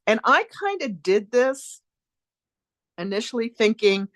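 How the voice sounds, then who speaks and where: A woman's voice: a little high, very animated, unhurried. A woman hosting a casual live-stream craft class, chatty and upbeat, rambling with asides and greeting viewers by name.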